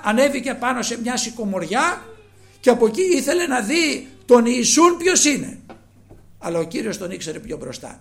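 A male preacher giving a sermon, emphatic, moving between loud passages and hushed ones, asking the congregation rhetorical questions. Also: very high-pitched, creaky.

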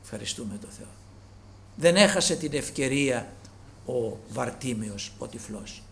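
A man preaching a sermon with fervor, rising to loud calls and dropping low. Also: animated, gravelly.

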